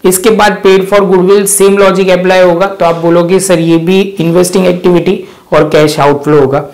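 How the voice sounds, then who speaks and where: A man's voice: high-pitched, steady tone, a little mellow, rough recording. A male commerce teacher with a Gujarati-influenced Hindi accent, lecturing students point by point and calling them "child". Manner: addresses students as "child", quick point-by-point explanation. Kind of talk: classroom lecture.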